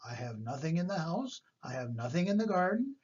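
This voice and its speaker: A man's voice: fairly high pitch, very animated, a little fast, darkish tone, slightly rough. An older man with a grandpa storyteller voice voicing a stingy, curious, easily amazed little old lady in a children's picture book. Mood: grudging, puzzled. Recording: slightly dull, lo-fi recording.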